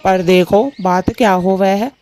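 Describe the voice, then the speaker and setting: This is an ailing old father bird in a cartoon, acted by a performer. He complains without end in rustic village speech, with a mid-pitched voice. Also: fairly even intonation, a little slow, darkish tone, close to an everyday voice. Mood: grumbling.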